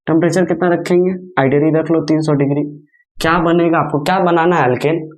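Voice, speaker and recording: Recorded on a distant mic in an echoey room, this chemistry teacher speaks briskly with a fairly high pitch and fairly even intonation. At the whiteboard he poses questions to students, answers them himself, and counts atoms aloud one at a time.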